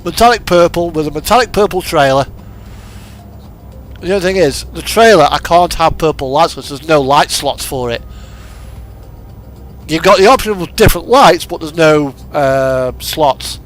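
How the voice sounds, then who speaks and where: Here a man with a voice on the high side talks at a moderate pace while streaming a truck driving simulator. He rambles easily, chatting with viewers over background music and the rumble of the game's truck engine.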